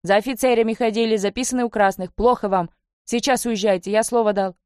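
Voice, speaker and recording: A woman's voice: on the high side, steady tone, fast, darkish tone, clear, resonant tone, no room sound, studio quality, pitched above the performer's own voice, close to an everyday voice. A woman reading as a fierce barking horseman. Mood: commanding. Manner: barking orders in broken, clipped speech. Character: fierce armed horseman, grown man, loyal to his word.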